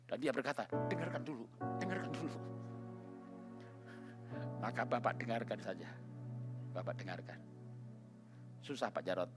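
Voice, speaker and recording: A male pastor giving a lively, humorous sermon in a church, swinging between loud exclamations and soft asides and acting out quotes. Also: mid-range voice. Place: church hall.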